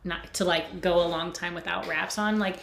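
A woman's voice: lowish voice, fairly even intonation, moderate pace, vocal fry, fairly bright tone, roomy sound, a little hiss or hum. A woman who coaches lifters, co-hosting a podcast in easygoing, casual chat.

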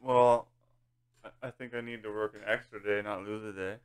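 A man's voice: fairly low pitch, little pitch movement, moderate pace, clear, resonant tone, no echo, studio quality. A man hosting a podcast in casual chat, laid-back and stumbling over his words as he goes. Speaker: podcast host.

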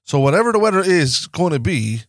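A man's voice: fairly high pitch, very animated, brisk, no echo, studio quality. An Irish man co-hosting a podcast in casual comedic chat, laughing often and putting on a mock newsreader voice. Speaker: podcast co-host.

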